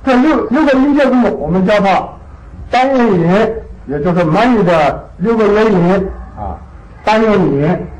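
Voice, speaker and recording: Guy lecturing a language class, kinda high voice that bounces around, says stuff twice so it sticks. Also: animated, darkish tone, rough recording. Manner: patient, repeats key points with drawn-out particles. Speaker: language teacher.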